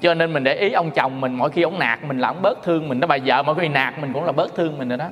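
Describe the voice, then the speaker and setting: A man's voice: on the high side, quick pace, a bit bright. A middle-aged man from Vietnam, a Buddhist monk giving a folksy, joking dharma talk in which he acts out quarrels. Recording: long hall reverb.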